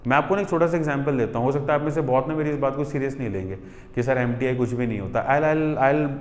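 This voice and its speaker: A man's voice: medium pitch, quick pace. A man teaching IELTS speaking in a chatty classroom manner, mixing Hindi and English, with a Haryanvi-Punjabi Indian English accent and addressing students directly. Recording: echoey room with long reverb.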